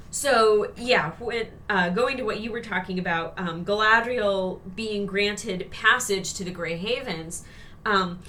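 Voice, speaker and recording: A woman's voice: mid-range voice, sharp tone, recorded from a distance, slight background noise. A woman co-hosting a casual review chat, talking in a sarcastic way with many fillers. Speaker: co-host reviewing a TV episode.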